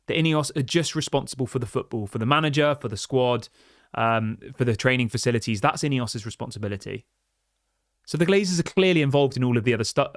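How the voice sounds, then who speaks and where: A football fan channel host rants passionately during a livestream while reading viewer chats, restarting often and firing off rhetorical questions. His voice is mid-range, and the mic recording is dry.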